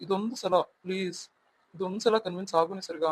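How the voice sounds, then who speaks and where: A man's voice: high voice, fairly even intonation, fairly quick, a little hiss or hum, natural voice, rough recording. A man voicing a remorseful young husband in a cartoon story, speaking earnestly and pleading.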